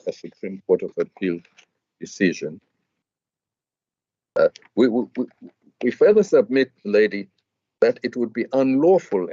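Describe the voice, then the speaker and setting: A man arguing a legal point before a judge, formal and measured, with some hesitant fillers and restarts. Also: lowish voice, a little mellow, no room sound. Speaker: advocate arguing in court. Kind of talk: legal argument. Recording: dull lo-fi dry hearing audio.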